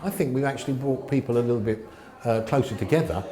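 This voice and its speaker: A man's voice: mid-range voice, quick pace, dark tone, a little hiss or hum. A man who runs a local newspaper, speaking hesitantly in an interview, often repeating words. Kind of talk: casual interview. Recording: echoey room with crowd behind.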